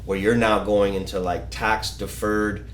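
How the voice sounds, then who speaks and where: A man's voice: on the low side, level tone, measured pace, a bit bright, reverberant. A man from Ecuador talking casually as a guest, explaining things with many fillers and restarts. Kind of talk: casual podcast conversation. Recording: faint background noise.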